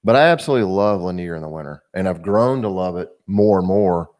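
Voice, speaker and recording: A man, a guest talking calmly about fishing in a casual chat. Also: low-pitched, fast. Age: 50s.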